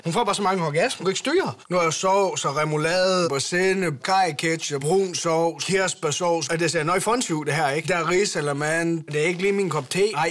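A man's voice: on the high side, fairly bright tone. A man telling a crude comic story in a rambling way, full of fillers. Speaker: comedy character explaining.

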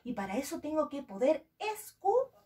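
A woman teacher giving a children's phonics lesson, sounding out letters slowly in a sing-song way. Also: high-pitched, very animated, dark tone, recorded from a distance.

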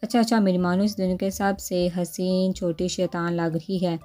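A woman's voice: on the low side, flat delivery, normal speed, mellow, faint music behind, close to an everyday voice. A woman reading the lines of a fond, playful young woman praising a little girl. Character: doting affectionate young woman. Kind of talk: storybook dialogue reading.

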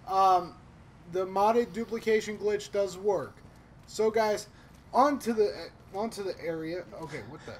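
A man hosting a casual let's play, excitable and swearing often as he talks. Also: sits high, a little slow. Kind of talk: casual gaming chat. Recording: gunfire and game noise over voice.

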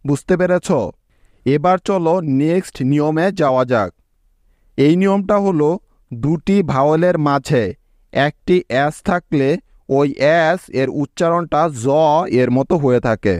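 Male teacher, patient, spells out words letter by letter, slightly high voice, very slow, dry close sound. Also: darkish tone, no room sound. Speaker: English pronunciation teacher. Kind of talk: slow step-by-step spelling lesson.

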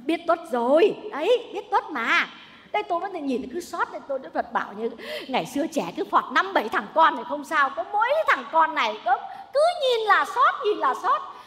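Domineering old mother-in-law, very high and bright, stage reverb; loud and theatrical. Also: big pitch swings, a little fast, heavily acted. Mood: doting. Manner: shrill, theatrical scolding and wailing. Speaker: stage comedy actress. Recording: stage recording with long hall reverb.

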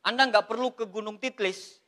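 An Indonesian man speaks as a motivational speaker to a seminar audience. His voice sits high and sounds bright and forceful. He jokes and keeps the delivery animated, turning to the room again and again. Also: moderate pace. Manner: lively, joking, addresses listeners as Pak.

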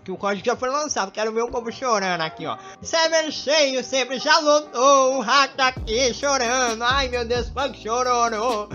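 A man's voice: extremely high pitch, pushed and bright, lo-fi sound. A Brazilian man hosting a game, joking and teasing his viewers in playful commentary. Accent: Brazilian Portuguese. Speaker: gaming channel host. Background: music.

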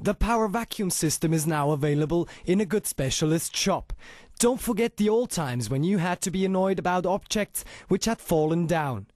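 A man narrating a scripted hard-sell infomercial as an announcer, with an emphatic pitch full of rhetorical questions. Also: darkish tone, dry recording, clean studio sound.

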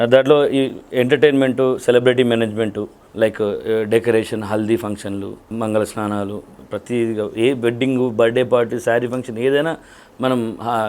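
Lively man with a Telangana accent. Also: medium pitch. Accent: Telangana Telugu. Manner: lively storytelling with colloquial dialect. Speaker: event organizer and mimicry artist. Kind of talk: interview answers, casual.

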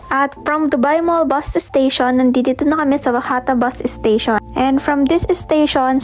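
A woman in her twenties from the Philippines, narrating a travel vlog in a chatty, excited way, mixing in English. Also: high voice. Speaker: travel vlogger.

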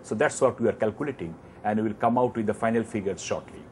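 A man in his fifties with an Indian English accent, a company chairman on a lapel mic in an office, explaining prices in a measured, detailed way with numbers and restarts. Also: fairly low pitch, slight background noise. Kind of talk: explanatory business interview. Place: office with armchair, indoors.

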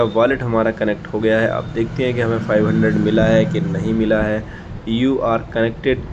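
A man gives a relaxed, step-by-step voice-over for an app tutorial, padding his sentences with the same fillers again and again. His mid-pitched voice comes through slightly dull, lo-fi audio. A faint noise sits under the whole recording. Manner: repetitive fillers, frequent "ठीक है". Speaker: tech tutorial host. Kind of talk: casual screen-recorded app walkthrough.

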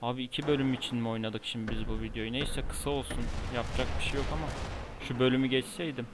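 A man's voice: mid-range voice, fairly even intonation, quick pace. A man giving casual commentary while he plays a game, often exasperated and annoyed. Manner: frustrated, exasperated muttering. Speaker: gamer. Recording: noisy, with game gunfire behind.

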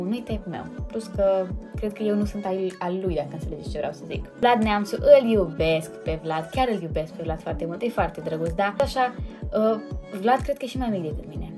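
A young woman, chatting casually and hesitantly as the host of her own vlog. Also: mid-range voice. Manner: chatty and hesitant, many fillers and self-corrections. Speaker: YouTuber host. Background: background music.

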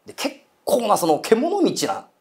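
A man's voice: sits high, huge pitch swings, measured pace. A man telling a ghost story in casual chat, acting out quoted voices and eerie murmurs. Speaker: guest storyteller.

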